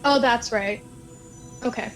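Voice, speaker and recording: High-voiced young woman playing a tabletop game. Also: slow pace, a bit bright, faint music behind, low-quality recording. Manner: eager questions, laughs often. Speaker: player. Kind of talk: casual tabletop game chat.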